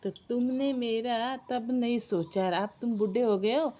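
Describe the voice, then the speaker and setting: A woman's voice: on the high side, steady tone, a little slow, warm tone, slight background noise, natural voice. A woman voicing a feisty, scolding old grandmother who complains indignantly.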